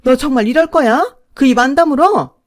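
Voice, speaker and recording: A woman's voice: mid-range voice, very animated, moderate pace, no room sound, close to an everyday voice. A scheming older mother-in-law, flustered and defensive, brushing things off with a few raised words, as a woman reader puts her on. It is a close, dry recording with nothing behind it. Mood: furious.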